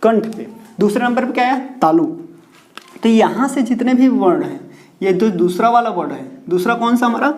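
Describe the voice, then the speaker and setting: A man's voice: very high-pitched, expressive, normal speed, darkish tone. Man, teacher, lesson, self-questioning, repeats key words, echoey room. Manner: asks questions and answers them himself, repeating key words. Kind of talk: classroom lesson explaining pronunciation. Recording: roomy echo.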